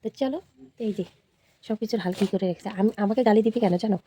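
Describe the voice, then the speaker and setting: A woman's voice: mid-range voice, fast, dark tone, breathy edge. A woman in her thirties, a mother, chatting casually to her viewers in a home vlog. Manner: chatty, talks straight to viewers. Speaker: vlogger, mother. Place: home, indoors.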